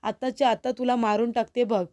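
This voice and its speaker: A woman's voice: a little high, flat delivery, fast talker, dark tone, close to an everyday voice. A woman voicing a young woman's violent second personality in a retold TV serial, reading threats in a plain voice. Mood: menacing.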